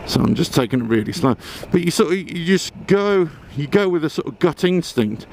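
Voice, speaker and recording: A man's voice: a little high, lively intonation, a little fast, vocal fry, a little mellow. A man giving casual, rambling commentary while riding a motorbike outdoors, speaking from inside a helmet. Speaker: motorbike vlogger. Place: outdoors on a motorbike on a country trail. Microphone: helmet-mounted mic. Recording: engine and wind noise outdoors.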